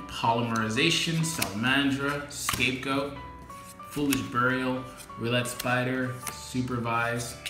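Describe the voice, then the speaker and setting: A man doing a casual unboxing vlog, listing off names and adding apologetic asides, recorded with an echoey room sound. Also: mid-range voice. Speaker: YouTuber unboxing trading cards. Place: indoor home room with echo. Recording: echoey room with music behind.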